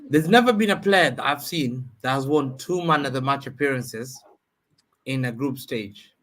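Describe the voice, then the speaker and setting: A man who sounds like he's in his thirties argues forcefully as a guest in a heated football debate on a livestream, repeating phrases often for emphasis. His voice sits at a medium pitch with lively intonation, a normal speed and a fairly bright tone.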